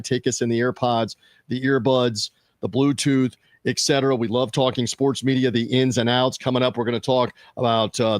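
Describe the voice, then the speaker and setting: A man hosting a sports media podcast, chatting casually with fillers and quick restarts. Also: mid-range voice, dry recording, studio quality. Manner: conversational, fillers and restarts, reads out show plugs.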